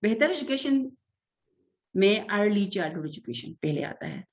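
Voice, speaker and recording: A woman's voice: medium pitch, sing-song, moderate pace. A middle-aged woman, an early childhood development expert giving an earnest interview answer that is full of English terms and short hesitations. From Pakistan.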